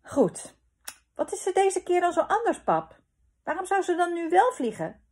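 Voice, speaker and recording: Skeptical mum with a wry teasing edge, read by a woman, lively delivery. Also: very high-pitched, moderate pace, pitched above the performer's own voice, heavily acted. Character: skeptical dry-witted mum.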